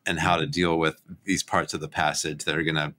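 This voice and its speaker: A man with a low voice talks over a webcam in a casual discussion of a Bible text. His tone is bright and forward, and he lays out his point steadily, one step at a time. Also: flat delivery, brisk. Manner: explanatory, building a point steadily. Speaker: podcast co-host, biblical studies professor. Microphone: webcam on a video call.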